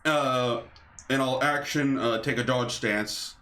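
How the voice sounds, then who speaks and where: A man playing in a tabletop game, hesitant and full of pauses as he decides his moves. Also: medium pitch, steady tone, a bit bright. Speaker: player. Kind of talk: casual tabletop play.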